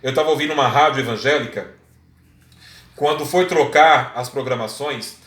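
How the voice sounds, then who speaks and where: A man with a Brazilian Portuguese accent preaching a sermon, swinging between loud exhortation and quiet asides. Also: medium pitch, normal speed, echoey room.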